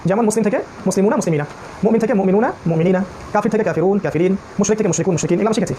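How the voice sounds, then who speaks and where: A man teaching a classroom review lesson on Quranic Arabic, drilling word lists in quick repetitive chants. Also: high-pitched, mellow, slight background noise.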